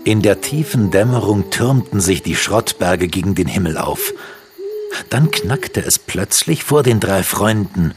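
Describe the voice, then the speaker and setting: A man's voice: low voice, lively intonation, unhurried. A man narrating a youth mystery audio drama in a dramatic, suspenseful way.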